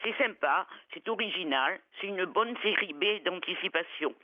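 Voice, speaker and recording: A woman's voice: on the low side, animated, moderate pace, no echo, dull audio. A woman film critic giving blunt, irreverent reviews on a radio talk show, with salty language.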